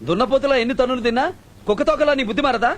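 A man's voice: extremely high pitch, rapid-fire, a little hiss or hum. Stern scolding man. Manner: scolding, threatening. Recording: film soundtrack with music.

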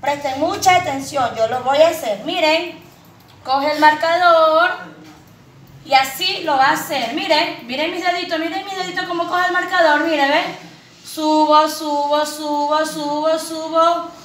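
A woman preschool teacher giving an online phonics lesson, talking to small children in a slow sing-song with drawn-out words and coaxing questions. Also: very high voice, a bit bright, a little hiss or hum. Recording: echoey room, voice from a distance.

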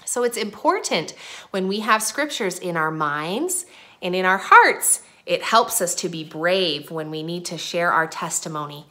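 A young woman teaching an online preschool lesson, talking gently and sing-song to small children. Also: lowish voice, expressive, unhurried.

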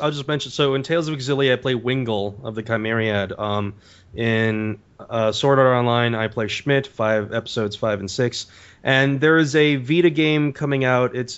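A man guesting on a podcast as a voice actor, telling stories in a casual, animated way full of "like" and "um". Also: medium pitch, smooth, dull audio. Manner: animated storyteller, peppered with "like" and "um".

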